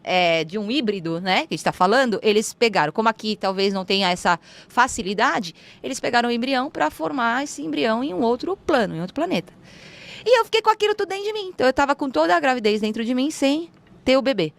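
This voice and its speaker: A woman's voice: a little high, fast talker. A woman telling a personal story in casual chat, acting out the voices of the people in it. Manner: animated, acts out quoted dialogue.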